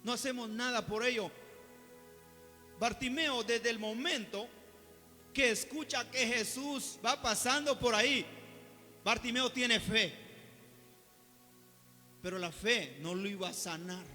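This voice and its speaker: A man preaching a sermon, moving between quiet, soft-spoken asides and loud, fervent exhortation. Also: high voice, a little slow, long pauses. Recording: reverberant hall with soft music behind.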